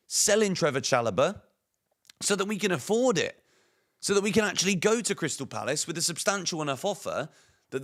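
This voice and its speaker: Rhetorical questions fly as a man with a high, somewhat bright but croaky and hoarse voice airs his opinions on football transfer news for a fan channel.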